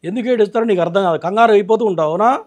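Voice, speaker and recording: A man with a high voice who talks fast, answering callers as an astrologer. He lectures with authority and keeps asking callers to agree with him, in the style of a live call-in consultation. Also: darkish tone.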